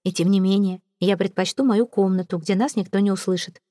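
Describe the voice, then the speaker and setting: A cool, reserved young nobleman in uniform, read by a woman in an audiobook. He speaks in short, measured, cold sentences at a middling pitch, and the recording is dry and close. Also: steady tone, dark tone, dry recording, close to an everyday voice. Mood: confiding. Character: cool, reserved young male aristocrat officer. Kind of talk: audiobook character reading.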